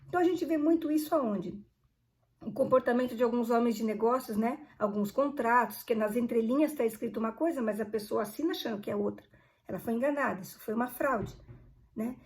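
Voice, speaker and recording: Woman, Bible study teacher, earnest, conversational, fairly high voice. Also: brisk, a little mellow. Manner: earnest, conversational, repeats phrases for emphasis.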